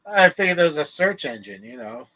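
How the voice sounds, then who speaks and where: A man's voice: high-pitched, lively intonation, brisk, gravelly, pushed and bright. A man chatting casually and informally with others on a live group stream. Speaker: participant in a live group chat. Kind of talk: casual chat.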